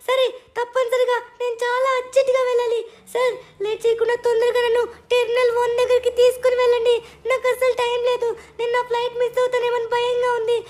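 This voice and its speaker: A man's voice: extremely high pitch, completely flat delivery, quick pace, pitched above the performer's own voice. A man voicing an anxious young woman late for her flight in a game story, fretting about her bad luck. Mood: fretful. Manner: fretful, complaining of bad luck.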